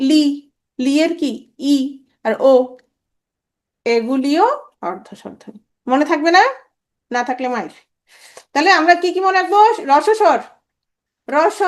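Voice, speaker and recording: A woman teaching a grammar lesson, drilling sounds over and over and quizzing her students with quick questions. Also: high-pitched. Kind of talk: grammar lecture.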